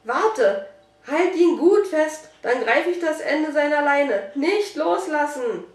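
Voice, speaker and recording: A woman reading a storybook voices an eager, excitable young boy who calls out in a breathless, urgent way. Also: high voice, moderate pace, voice pushed up. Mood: pleading. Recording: roomy, distant mic.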